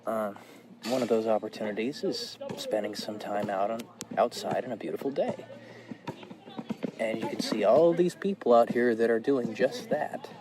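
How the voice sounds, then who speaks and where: Low-voiced man vlogging, noisy ambience. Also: normal speed. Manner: unscripted, reflective, informal. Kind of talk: casual vlog talk to viewers. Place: outdoors in a park. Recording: clear background ambient noise.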